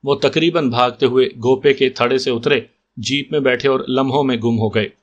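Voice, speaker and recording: Male narrator for an audio story, middle pitch, even steady reading. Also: lo-fi sound. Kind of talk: scripted narration of a detective story.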